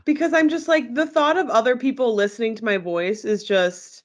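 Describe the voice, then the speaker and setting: A woman's voice: on the high side, normal speed, slight background noise. A woman co-hosting a casual podcast, talking bluntly and animatedly, with free swearing. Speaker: podcast co-host.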